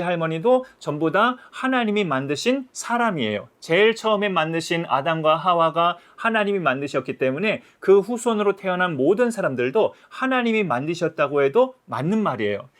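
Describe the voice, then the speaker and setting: A man with a high voice gives a Sunday school sermon. He tells the story gently, as if speaking to young friends. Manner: gentle, addressing children as friends.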